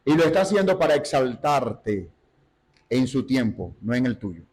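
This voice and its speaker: A man teaching a Bible study in sermon style, animated, asking rhetorical questions and acting out quotes. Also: medium pitch, moderate pace, husky, rough recording.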